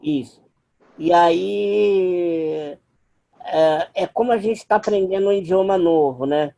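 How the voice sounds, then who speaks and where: A man leads a class conversation and asks guiding questions. He checks his understanding as he goes. His voice is fairly high but mellow and warm. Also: slow pace, creaky. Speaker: teacher hosting the class.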